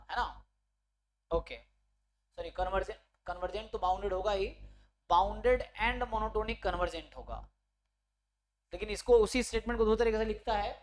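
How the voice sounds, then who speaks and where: A male statistics teacher gives an online exam-prep lecture. He talks his students through each step and keeps checking that they are following. When he reads a formal definition, he slows to a careful word-by-word pace. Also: high voice, fairly bright tone. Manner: explains step by step, often checks understanding with tag questions.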